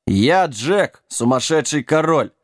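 A man's voice: fairly high pitch, lively intonation, slow pace, no echo, clean studio sound. A man voicing a drunk, brash, self-styled mad king who talks in swaggering slang. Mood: tipsy swagger.

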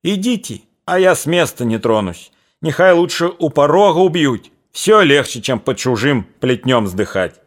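A man voicing an elderly Cossack mother with a plaintive, drawn-out way of speaking. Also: fairly high pitch, big pitch swings, voice pushed up. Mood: stubborn. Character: elderly Cossack mother, tender then stubborn.

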